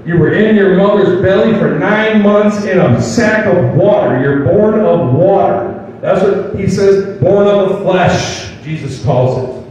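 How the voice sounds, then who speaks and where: Older male pastor, folksy sermon, raised pitch, distant mic with faint room noise. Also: a little slow, a little mellow. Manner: folksy preaching with rhetorical questions. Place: church sanctuary. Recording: distant mic in a reverberant hall with faint ambience.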